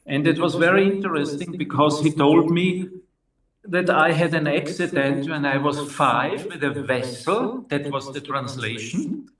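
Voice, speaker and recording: An older man from Austria with an Austrian German accent, telling his personal story in a slow, halting way with many pauses. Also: fairly high pitch, fairly bright tone. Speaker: interviewee. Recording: echoey room, distant mic.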